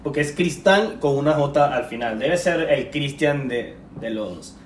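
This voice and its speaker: A man co-hosting a relaxed film-chat podcast, wandering through his points and stumbling over words. He sits back from the microphone in an echoey room. A faint hiss runs under his voice. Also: medium pitch, unhurried, far from the mic. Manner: rambling, self-correcting, laughs often. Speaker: podcast co-host. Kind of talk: casual film-discussion podcast.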